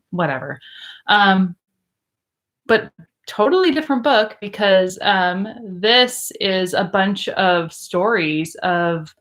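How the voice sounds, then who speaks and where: A woman's voice: on the low side, a bit bright. A woman who teaches English, chatting casually to camera in a rambling way with many ums and likes. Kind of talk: casual vlog chat.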